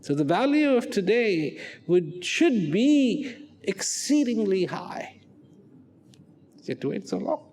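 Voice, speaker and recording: A man giving a dramatic motivational narration, slow and emphatic, asking rhetorical questions and sometimes dropping to a near whisper. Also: sits high, very animated, a little mellow.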